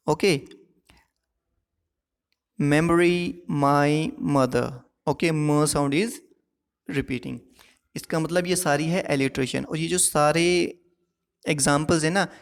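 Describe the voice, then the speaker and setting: A male teacher with a fairly high voice, walking listeners through a lesson one step at a time. He keeps stopping to check that they are following. His voice rings with a long reverb, as in a hall. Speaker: English teacher. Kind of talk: classroom lesson explaining poetic devices.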